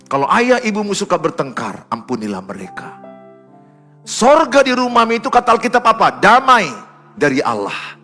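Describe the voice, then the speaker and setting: A middle-aged male pastor preaches a sermon, swinging between loud, urgent exhortation and soft, confiding asides. His voice is a little high.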